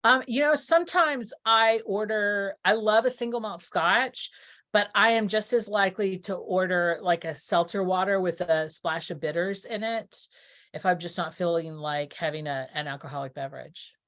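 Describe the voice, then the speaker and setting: Being interviewed, a Texan woman in middle age who produces theatre speaks in a mid-range, slightly bright voice at a moderate pace. Her answers are casual, worked out aloud, with self-corrections along the way.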